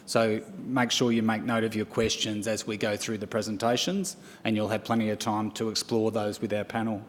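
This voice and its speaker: A man chairing a conference session, measured and with frequent ums. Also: little pitch movement. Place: conference room. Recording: hall reverb with low rumble.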